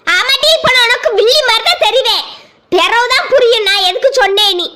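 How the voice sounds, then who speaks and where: A woman voicing a strict, harsh cartoon mother in a sharp, scolding manner. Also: extremely high pitch, fairly quick. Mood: bitter.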